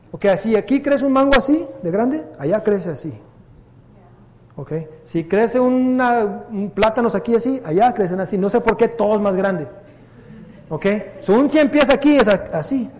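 Man preaching, high voice, long church reverb, storytelling. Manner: lively storytelling preacher, switching between Spanish and English. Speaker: pastor. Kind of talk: bilingual Sunday sermon with anecdotes. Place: church sanctuary.

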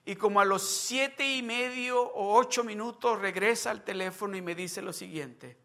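A man's voice: high-pitched, normal speed, creaky, pushed and bright. A man preaching a sermon, telling a personal story in a conversational way and acting out remembered dialogue. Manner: conversational, with restarts and asides to the congregation. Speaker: pastor.

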